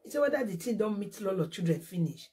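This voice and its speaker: A woman's voice: medium pitch, animated, fast, darkish tone, far from the mic. A woman with a Nigerian accent ranting angrily on a phone live stream, scolding and repeating herself. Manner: confrontational, scolding, repetitive. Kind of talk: angry live-stream rant.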